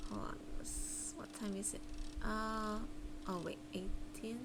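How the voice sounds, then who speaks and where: A woman livestreaming a story game chats casually, rambling and hesitating as she explains things. Her mid-range voice stays steady and slow against a noisy background.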